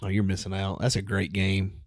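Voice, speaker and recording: A man's voice: low-pitched, monotone, normal speed, gravelly, no room sound, clean studio sound. A man in his thirties co-hosting a podcast, chatty and upbeat, laughing easily in casual chat. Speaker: podcast co-host.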